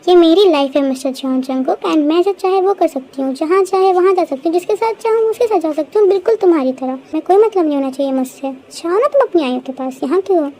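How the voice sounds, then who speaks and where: A woman's voice: very high voice, fast, hardly any pauses, mellow. A woman voicing a hurt, furious young wife who hurls bitter accusations in a fan-dub audio drama.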